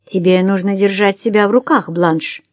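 A woman voicing a blind man who speaks quietly and with tight control. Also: mid-range voice, moderate pace, no room sound, studio quality, natural voice. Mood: restrained. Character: blind man, calm and restrained.

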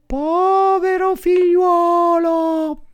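A small, kind female firefly speaks in a high, drawn-out voice, pitying yet firmly moralizing, as a man reading a storybook puts her on. She sounds airy and thin, with slow, lingering words. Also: little pitch movement, muffled recording, heavily acted. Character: kind little female firefly, gentle and scolding.

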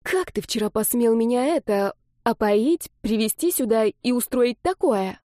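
A woman voicing an indignant young woman who hisses insults and snaps into shrill outbursts. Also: lively intonation, a little slow, mellow, no room sound, studio quality. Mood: furious.

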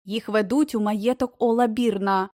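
A woman's voice: medium pitch, steady tone, normal speed, darkish tone, no room sound, clean studio sound, natural voice. A woman reading aloud and voicing a sly, cheeky old female crow who chatters gleefully. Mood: muttering, gleeful.

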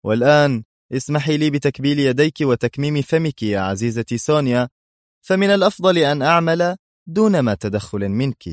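A man reading a story aloud, voicing a calm, cold and sarcastic male spy hero. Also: mid-range voice, normal speed, dry recording, clean studio sound, voice pushed up, lightly acted.

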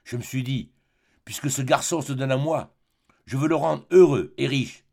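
A man's voice: mid-range voice, moderate pace, vocal fry, warm tone. A man reading an audiobook, voicing a jealous, possessive spinster woman in her forties who pleads and reproaches. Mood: reproachful.

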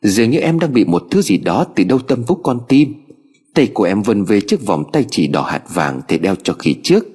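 A man narrating a ghost story in an expressive, dramatic reading style. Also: lowish voice, a little fast, husky, in a large hall.

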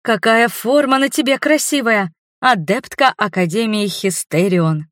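A doting middle-aged mother from an audiobook fantasy, gushing and then pleading through tears, as a female reader puts her on. Her voice sits a touch higher than the narration. The sound is dry and close, with no room around it. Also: a little slow, no echo, natural voice. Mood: effusive, joyful. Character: loving middle-aged mother, emotional and guilt-ridden.

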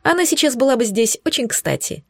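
A sharp-tongued young witch duchess in a storybook reading, played by a woman. She is sarcastic and blunt, teasing with an edge. The sound is dry and close. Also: on the high side, big pitch swings, fairly quick, creaky, no echo, voice pushed up, exaggerated voice.

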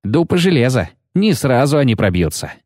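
A man's voice: mid-range voice, big pitch swings, moderate pace, darkish tone, no echo, clean studio sound. Man doing a brash crude girl fighter. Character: brash wounded young female fighter, crude.

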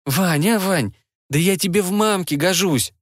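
A man reading an audiobook and voicing an enchanted frog who is really a sharp-tongued young woman, speaking high and bossy. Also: unhurried, no room sound, clean studio sound. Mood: exasperated. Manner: bossy, exasperated, high-pitched. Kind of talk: audiobook character voice.

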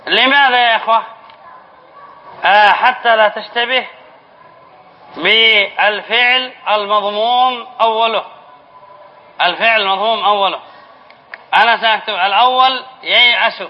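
A male teacher giving a classroom lesson on spelling rules, repeating key phrases, asking the class questions and then answering them, and dictating example words slowly. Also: high voice. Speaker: Islamic studies teacher. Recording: dull lo-fi lesson recording with faint hiss.

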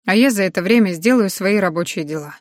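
A woman reading the part of a gruff, stern husband in an audiobook, voice lowered and curt. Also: fast, no echo, studio quality, close to an everyday voice. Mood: quiet.

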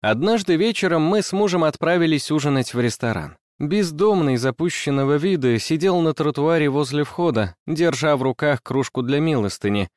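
Male narrator, story reading, measured pace, fairly high voice, dry close sound. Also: expressive, dry recording. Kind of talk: first-person story reading.

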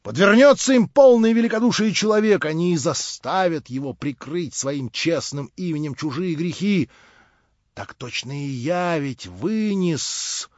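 A man's voice: on the high side, animated, unhurried, no room sound. A man reading an audiobook, voicing a sly, fawning middle-aged man who passes on gossip in an insinuating, mock-sorrowful tone. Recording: dry, slightly dull audiobook recording.

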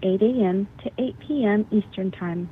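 A woman's recorded phone menu message, read in a calm, measured way. It comes through a tinny, narrow phone line. A faint hiss sits underneath. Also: medium pitch. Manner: measured, evenly paced reading. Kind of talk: automated phone menu announcement.

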